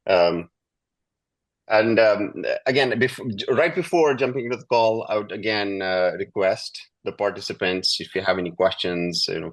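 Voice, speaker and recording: Male moderator, deep voice, hesitant phrasing, informal hosting of an online panel. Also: a bit bright, rough recording. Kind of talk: informal spoken panel introduction. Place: online video call.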